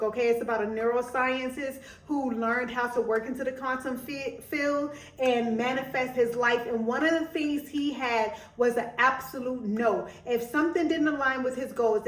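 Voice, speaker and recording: A woman's voice: on the high side, roomy sound, far from the mic. A young woman hosting a podcast, talking in a chatty, emphatic way with many asides and a country twang that comes and goes. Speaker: podcast host. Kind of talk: casual motivational monologue.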